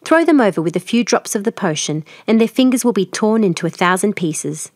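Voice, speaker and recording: A woman's voice: medium pitch, expressive, brisk, darkish tone, no echo, studio quality, natural voice. A woman voicing a cruel, scheming old sea witch in a storybook reading, mocking and menacing.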